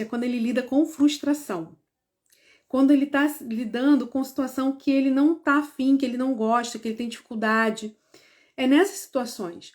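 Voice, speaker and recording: A Brazilian woman with a fairly high voice talks parents through everyday situations in a casual, explanatory tone. She speaks conversationally, with lots of tag questions and restarts, and now and then briefly acts out both sides of a parent and child exchange. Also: darkish tone. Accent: Brazilian Portuguese. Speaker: parenting educator.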